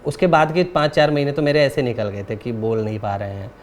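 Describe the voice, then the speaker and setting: A man, a guest singer, talking in a relaxed, soft-spoken way in a casual interview, often checking in with the listener. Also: mid-range voice, brisk, slight background noise. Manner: relaxed storytelling, often ending with a tag question.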